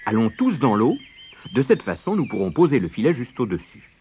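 A man's voice: medium pitch, huge pitch swings, brisk, darkish tone, a little hiss or hum, voice pushed up. A man voicing a crafty, whining male fox in a storybook.

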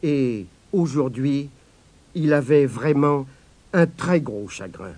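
A man reading a children's story aloud in a gently expressive way. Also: medium pitch, takes it slowly.

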